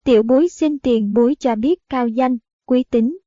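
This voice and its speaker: A woman's voice: high-pitched, normal speed, warm tone, no room sound. A woman voicing a polite, respectful young prince who speaks formally. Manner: courteous, formal. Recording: dull, dry audiobook recording.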